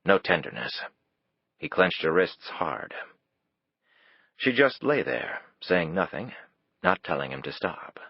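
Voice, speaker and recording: Low husky male audiobook narrator. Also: big pitch swings, slow, pauses often, no room sound. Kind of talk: scripted narration. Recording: dull, dry, lo-fi.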